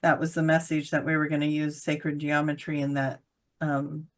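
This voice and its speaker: A woman's voice: low-pitched, level tone, normal speed. A woman in casual conversation about spiritual channeling, rambling and searching for words with many fillers. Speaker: channeler co-host.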